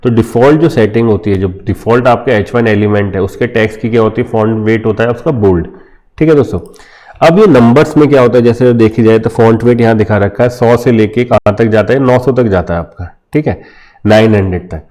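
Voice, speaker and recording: Fairly low and darkish in tone, this man's voice moves at a fairly quick clip. He's an Indian-accented coding tutor teaching casually via screen recording, addressing viewers as friends, checking in with them often and dropping frequent "theek hai" fillers.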